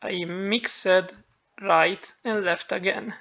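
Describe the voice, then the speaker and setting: A woman with a heavy Italian accent walking through a software tutorial, thinking aloud and correcting herself as she goes. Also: medium pitch, fairly even intonation, takes it slowly, gravelly. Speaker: tutorial maker. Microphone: phone. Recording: dull lo-fi phone-mic recording.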